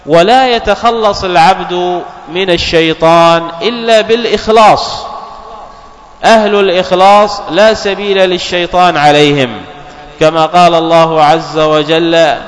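A man giving a religious lesson, explaining texts in a measured way, repeating key phrases and half-chanting quotations. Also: high-pitched, fairly even intonation. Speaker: Islamic scholar teaching. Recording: long hall reverb.

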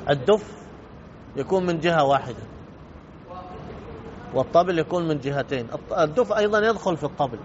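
A man teaching a religious lesson on jurisprudence, explaining rulings methodically and repeating key points for emphasis. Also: a little high. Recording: dull lo-fi with faint noise.

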